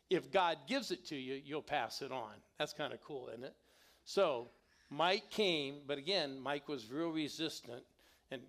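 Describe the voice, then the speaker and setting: Slightly high and gravelly, this middle-aged man's voice belongs to a guest pastor delivering a storytelling sermon. Speaking in a church sanctuary, he's animated and keeps prompting the congregation to respond.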